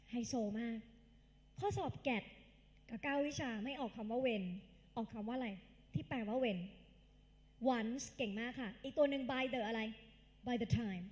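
A woman tutor with a fairly high, slightly mellow voice leads a live exam-prep English lecture, quizzing the class through call-and-response. She calls her students kids and dear, and a long hall reverb colors the recording.

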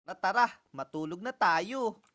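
A woman's voice: mid-range voice, lively intonation, measured pace, a bit bright. A woman in a playful game role-play, talking in a panicky, giggly way.

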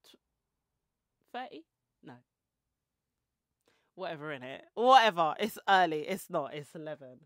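Very animated yet unhurried, this podcast host in her forties has a low voice with a fairly bright tone and pauses often. She rambles casually into tangents and self-mocking asides, holding a handheld mic close in a small room with shelves and clothes rails. The recording is dry and studio quality.

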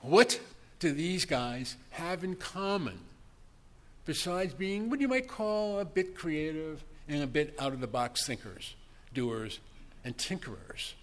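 A man's voice: fairly high pitch, big pitch swings, slow, fairly bright tone. An older man giving a conversational conference keynote from a podium in a large hall, with chuckling asides and frequent ums. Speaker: keynote speaker. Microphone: podium microphone. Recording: long hall reverb, faint room noise.

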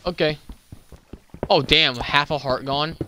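Streaming a game, a young man who makes gaming YouTube videos talks casually about his gameplay, tripping over words, slurring a little, and lisping slightly. He speaks slowly in a slightly high voice. There's noise in the background.

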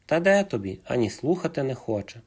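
A man voicing a small, timid but cunning male hare who speaks politely and flatteringly, with a husky voice. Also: mid-range voice, a little fast. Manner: polite, flattering, as courteous as he can.

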